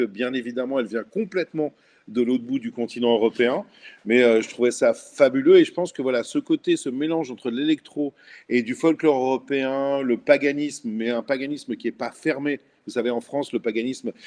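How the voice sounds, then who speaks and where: Here a middle-aged former local culture official talks as a guest in a relaxed video call, recorded through a laptop webcam in his home. His voice sits at medium pitch with a darkish tone, and his thoughtful, enthusiastic speech is peppered with fillers.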